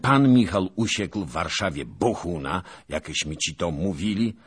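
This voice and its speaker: A man voicing a boastful, gluttonous old nobleman soldier who talks loudly and patronizingly in an audiobook. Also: low-pitched, expressive, normal speed, breathy edge, voice pushed up. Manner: pompous, patronizing, loud.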